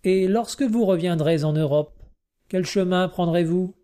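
Man doing a middle-aged showman's wife in a storybook reading, lifted and gently questioning, soft mellow tone. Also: high voice, a little slow.

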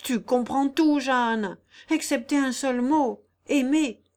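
A woman's voice: fairly high pitch, animated, a little slow, darkish tone. A woman playing a feverish, lovesick young baron. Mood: anguished. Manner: impassioned, reproachful. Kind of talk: audiobook character reading.

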